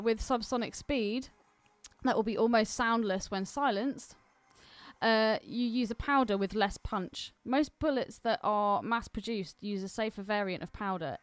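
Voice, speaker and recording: A woman co-hosting a podcast chats casually and reads listener mail aloud, giggling and getting sidetracked easily. Her voice is on the high side, with no room sound.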